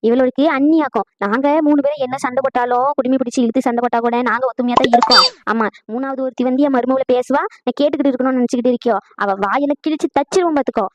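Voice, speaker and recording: A woman voicing a sharp-tongued, combative old mother-in-law, scolding quickly. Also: high voice, fairly even intonation, slight background noise, natural voice. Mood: indignant. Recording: dull lo-fi dry audio.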